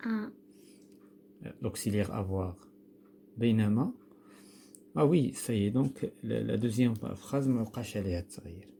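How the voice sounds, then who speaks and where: A man's voice: on the low side, big pitch swings, moderate pace, gravelly, long pauses, warm tone, slight background noise. A man with a Moroccan accent teaching a grammar lesson, patient and step by step, quizzing a pupil and spelling words out letter by letter. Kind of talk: recorded classroom grammar lesson.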